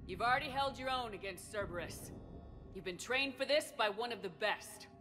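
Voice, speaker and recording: A woman's voice: a little high, expressive, normal speed, sharp tone, soft background music. An actress playing a resolute, commanding woman military commander in a video game. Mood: steady, reassuring.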